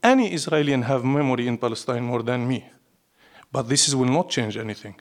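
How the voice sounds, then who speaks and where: This native Arabic speaker from Syria carries a Syrian Arabic accent and answers interview questions as a poet, telling reflective stories live. His medium-pitched voice is animated and brisk, delivered in short, emphatic, declarative phrases.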